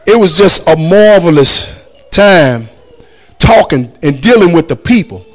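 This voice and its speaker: In an unhurried, slightly high voice, a man casually tells a story, animated throughout, acting out quoted voices and laughing as he goes.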